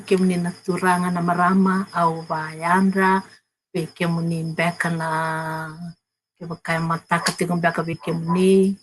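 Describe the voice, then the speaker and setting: A woman from Fiji, a guest, giving a measured, formal self-introduction. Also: on the low side, slight background noise, low-quality recording.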